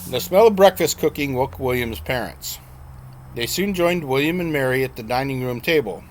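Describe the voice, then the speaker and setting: A man's voice: medium pitch, a little hiss or hum. Man reading his own novel aloud. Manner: plain, unhurried reading with occasional slips and self-corrections. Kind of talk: audiobook narration.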